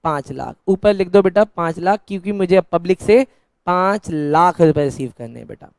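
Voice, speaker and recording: A man's voice: high voice, lively intonation, moderate pace, creaky, darkish tone, dry recording. A man teaching an accounts lesson in a classroom style, asking questions and answering them himself as if he were the students, with teasing, scolding banter. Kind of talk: classroom-style Hindi lecture.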